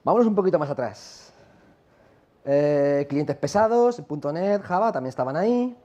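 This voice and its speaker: This Castilian-accented speaker from La Mancha, Spain, gives a casual live tech conference talk full of audience questions and tag questions. His slightly high, mellow voice has lively intonation at a normal pace, captured with lo-fi sound.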